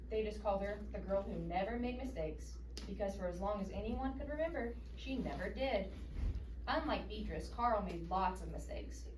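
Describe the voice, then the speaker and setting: At a moderate pace and medium pitch, a woman reads a children's story aloud with plenty of expression, drawing listeners in with teacher-like questions. The recording is distant, echoey and noisy.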